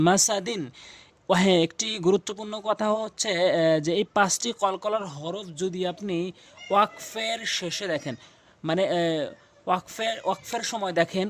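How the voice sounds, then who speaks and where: A man teaching Quran recitation, spelling out letters slowly and repeating each sound. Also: high-pitched, slight background noise. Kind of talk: recitation lesson.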